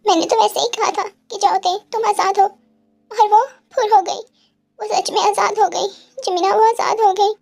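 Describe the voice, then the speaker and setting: A woman's voice: very high voice, steady tone, moderate pace, vocal fry, darkish tone. A woman voicing a heartbroken young mafia boss man who cries as he talks, in a Hindi audio story. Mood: wounded. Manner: tearful, pleading delivery.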